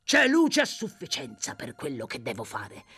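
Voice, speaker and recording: A woman's voice: rumbling low, huge pitch swings, normal speed, fairly bright tone, breathy edge, pitched below the performer's own voice, full character voice. A woman voicing a violent male thief who barks short orders in a storybook reading. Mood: menacing. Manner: barked curt orders.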